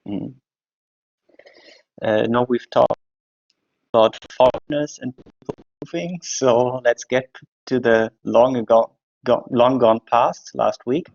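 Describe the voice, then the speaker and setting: A man's voice: medium pitch, fairly even intonation, takes it slowly, vocal fry, long pauses, a little mellow, no room sound, lo-fi sound. A man hosting a lecture discussion, asking questions in a conversational way with brief fillers. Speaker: lecturer and host.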